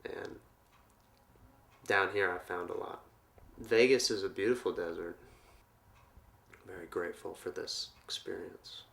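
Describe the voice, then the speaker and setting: A man from Portland with a very low, gravelly voice speaks calmly about his path. He sounds earnest and reflective. His talk has a spiritual bent. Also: a little hiss or hum. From Portland, Oregon. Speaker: yoga teacher and massage therapist. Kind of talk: reflective interview answers.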